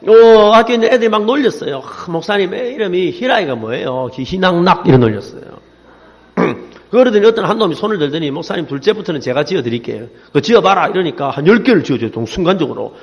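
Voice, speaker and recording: A man in his forties with a Gyeongsang accent preaching a sermon, telling stories with animation and calling on the congregation to repeat after him. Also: sits high. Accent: Gyeongsang Korean. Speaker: pastor. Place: church sanctuary. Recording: long reverb in a church hall.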